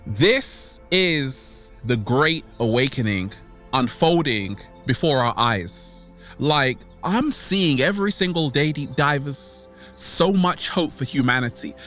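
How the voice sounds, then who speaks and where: Over background music, a male online host delivers a theatrical, catchphrase-packed motivational monologue to camera. His medium-pitched voice is fairly bright, and he exclaims, draws out words and swoops suddenly in pitch.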